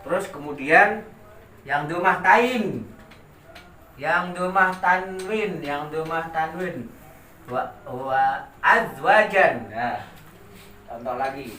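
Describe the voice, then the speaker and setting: A man with an Indonesian accent leads an informal recitation lesson, stretching syllables slowly and repeating each word for his pupils. His voice is fairly high and bright. He sounds a little far from the mic, in an echoey room with faint background noise. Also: expressive. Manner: drawn-out demonstrative recitation, repeating words for pupils. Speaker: Quran recitation teacher.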